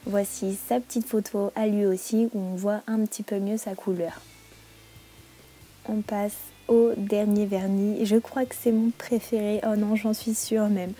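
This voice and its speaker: Sitting in her bedroom reviewing products, this beauty vlogger keeps things laid-back and conversational, with plenty of hesitations. Her voice falls in the mid range.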